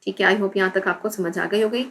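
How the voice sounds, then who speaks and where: A woman teacher, explaining a textbook lesson in Urdu, reading English slowly and spelling out words letter by letter. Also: mid-range voice, fairly even intonation, fairly bright tone, rough recording.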